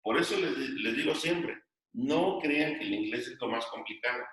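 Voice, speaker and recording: A man's voice: medium pitch, animated, normal speed, a bit bright. A male teacher explaining a grammar point to his class and dictating notes, often repeating phrases. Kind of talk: classroom lesson. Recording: echoey room, voice from a distance.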